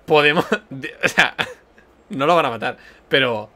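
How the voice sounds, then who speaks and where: A man from giving joking, loud commentary while streaming a game. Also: fairly high pitch, lively intonation, measured pace. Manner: joking, loud, laughing asides over cutscenes. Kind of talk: casual gaming commentary.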